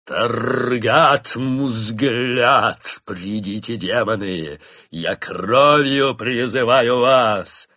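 Man doing a booming fanatical beast cultist chanting. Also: lively intonation, pushed and bright, full character voice. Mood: fervent chanting. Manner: booming slow chanting of spells. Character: fanatical male beast cult brother summoning demons.

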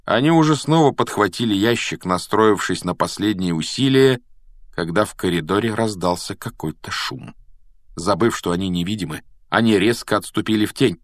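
A man narrating a children's storybook in a measured, expressive reading voice. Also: low-pitched, dry recording, clean studio sound. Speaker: audiobook reader.

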